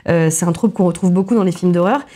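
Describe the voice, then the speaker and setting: A woman in a film podcast, analysing a horror movie in casual chat, with frequent filler pauses and restarts. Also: lowish voice, mellow. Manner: many filler pauses, restarts, self-deprecating asides.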